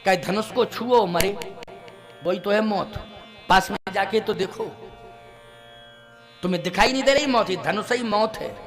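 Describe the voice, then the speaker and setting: A man preaching a devotional storytelling sermon. He quizzes the audience with rhetorical questions, chants scripture verses slowly, and swings between loud bursts and quiet asides. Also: sits high, music in the background. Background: musical instrument accompaniment.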